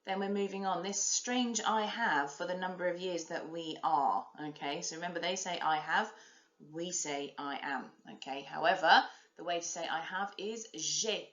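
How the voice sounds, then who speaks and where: A woman in her forties leads a recorded French lesson at a fairly low pitch. She models each word carefully and then hands it back to the learners to repeat. The recording sounds roomy and a little muffled. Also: normal speed, fairly bright tone. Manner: clear modelling of sounds with call-and-response prompts. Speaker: French teacher.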